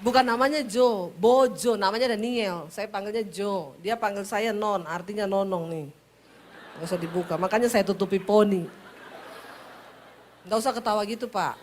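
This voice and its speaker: A woman preacher from Sulawesi with a Sulawesi Indonesian accent, telling teasing, humorous stories in a lively sermon. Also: mid-range voice, normal speed, a little hiss or hum.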